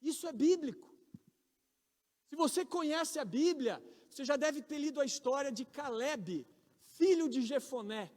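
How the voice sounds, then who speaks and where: High-voiced Brazilian pastor preaching emphatically. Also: male voice, lively intonation, a little slow. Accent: Brazilian Portuguese. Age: 40s. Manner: emphatic, rising to loud peaks on key words. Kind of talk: sermon. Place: large church hall. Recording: reverberant church hall.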